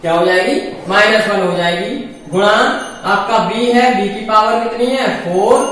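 A man with a high voice leads an exam-prep math lesson, working through each step and asking questions he then answers himself. He sounds far from the mic, in a strongly echoing room with a faint hiss behind him. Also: a bit bright. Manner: explains step by step, asks and answers his own questions. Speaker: math teacher.

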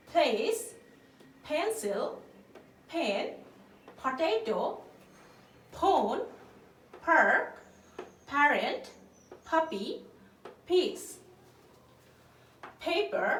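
High-voiced woman slowly spelling English words. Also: a bit bright, distant mic, a little hiss or hum. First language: Bengali. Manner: spells each word letter by letter, then gives the meaning; asks short rhetorical checks. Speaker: English teacher. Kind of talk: slow spelling and vocabulary lesson. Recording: echoey room, voice from off the mic, faint ambience.

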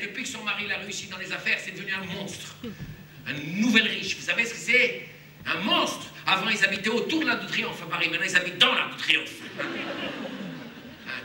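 A man's voice: high-pitched, distant mic, noisy background, lightly acted. A man on stage voicing a jealous, gossipy old grandmother who nags and piles on asides. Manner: chatty, nagging, full of asides. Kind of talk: stand-up character comedy. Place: theater stage, filmed from the hall. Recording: roomy live-stage sound from afar.

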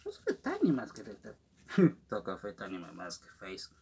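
A man speaking through a gas mask in halting, rambling non-native English, giving casual unboxing commentary as a vlogger. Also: fairly low pitch, huge pitch swings, dark tone, a little hiss or hum.

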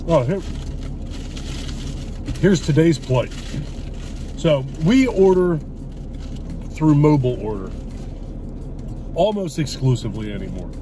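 A man's voice: on the high side, expressive, takes it slowly, long pauses, warm tone, a little hiss or hum. A middle-aged man chatting casually in a parked car, talking while chewing his food. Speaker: vlog co-host. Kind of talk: casual chat. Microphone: camera on the dashboard.

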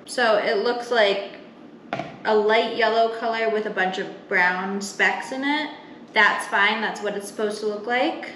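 A young adult home cooking vlogger walks through a casual step-by-step demonstration in her home kitchen, explaining informally as she works with her hands at a slightly unhurried pace. Her mid-range voice sounds pushed and bright, and the roomy kitchen adds echo along with clear background noise.

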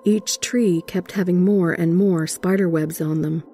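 A woman narrating a horror short story in a steady, measured way. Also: on the low side, a little hiss or hum.

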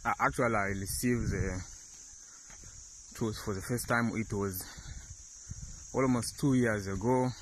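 A man's voice: lowish voice, fairly even intonation, measured pace, pauses often, rough recording. A young Tanzanian man giving an earnest testimony with many fillers, filmed outdoors on a phone held close. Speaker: church member giving testimony. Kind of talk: selfie video testimony. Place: outdoors in rural countryside. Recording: outdoor insects and noise.

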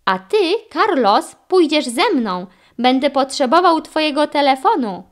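A woman's voice: high voice, animated, a little slow, voice pushed up. A woman voicing a confident young boy who leads a rescue team, commanding and encouraging, in a children's audiobook.

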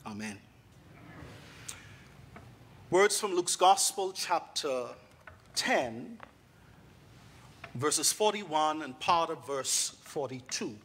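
A Bahamian-accented guest priest in his thirties preaches in a church sanctuary into a pulpit mic. He starts out genial and builds to emphatic delivery, speaking slowly in a fairly high, slightly bright voice with lively intonation.

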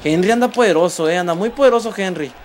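A man with a Mexican accent giving excitable let's play commentary, swearing a lot and talking to viewers as he plays. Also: high-pitched, quick pace, background noise. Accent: Mexican Spanish. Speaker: gaming channel host.

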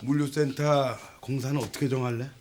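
A man's voice: medium pitch, steady tone, a little fast, a little mellow, a little hiss or hum, lightly acted. A man playing a blustery, impulsive middle-aged husband and boss in a Korean TV family drama, speaking brusquely and emphatically. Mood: brisk, bossy.

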